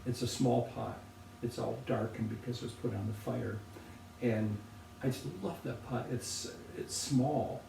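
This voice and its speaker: An older man, a potter, talking thoughtfully and unhurriedly about objects he cares about, with pauses and restarts. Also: mid-range voice, gravelly, mellow. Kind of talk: relaxed reflective conversation. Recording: roomy, distant from the mic, faint noise.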